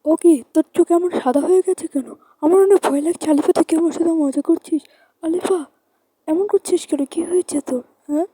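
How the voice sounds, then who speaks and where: A woman's voice: high-pitched, normal speed, mellow, dry recording. A woman playing a frightened young woman. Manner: fearful and pleading. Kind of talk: amateur horror audio drama.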